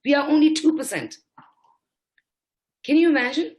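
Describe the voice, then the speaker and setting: A woman from India speaking as a panelist, making impassioned, emphatic points that climb higher in pitch when she stresses them. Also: lively intonation, normal speed, a little mellow. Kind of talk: panel discussion.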